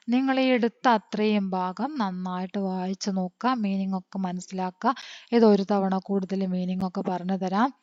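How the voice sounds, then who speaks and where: A woman from teaching an online lesson, reading text slowly and then quickly glossing words one by one. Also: medium pitch, darkish tone, no echo. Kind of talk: online Hindi lesson explained in Malayalam. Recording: dull lo-fi sound.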